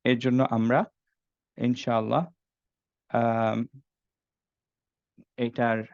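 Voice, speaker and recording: A man's voice: medium pitch, little pitch movement, vocal fry, a little mellow, clean tone, dry recording. Patient man teaching recitation, dry dull sound. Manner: patient, checks understanding with frequent "okay?"; demonstrates letter sounds slowly and repeatedly. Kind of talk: online tajweed class, Bengali mixed with English.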